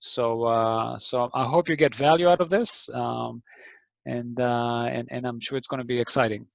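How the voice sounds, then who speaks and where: A man speaks at a moderate pace in a medium-pitched voice with fairly even intonation and some vocal fry. His accent is Israeli English with a New Zealand tinge, and his friendly online talk to startups is hesitant, packed with ums and restarts. The video call mic gives no echo, but the highs are cut off.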